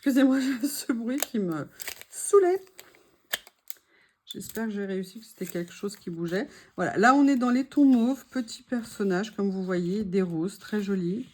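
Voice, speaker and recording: A woman chatting casually to her viewers while unboxing craft supplies, gushing softly and adding small asides. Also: medium pitch, animated, normal speed, hardly any pauses. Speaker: craft vlogger.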